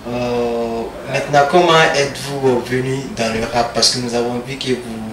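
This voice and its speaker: A man's voice: mid-range voice, steady tone, moderate pace, distant mic, background noise. A man hosting a radio interview, often echoing his guest's answers back with hesitant fillers. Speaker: radio host. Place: radio studio.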